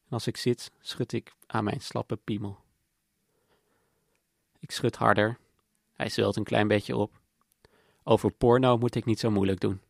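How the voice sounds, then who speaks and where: A man giving calm, matter-of-fact, intimate first-person narration in a scripted documentary. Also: on the low side, unhurried, gravelly, pauses often, breathy edge, no room sound. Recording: dry close voice-over with faint music.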